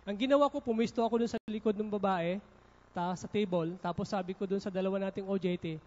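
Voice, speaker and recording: A man's voice: sits high, quick pace, a little mellow. A male pastor preaching a sermon at a church service, telling personal stories with frequent asides to the congregation. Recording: dull lo-fi livestream recording.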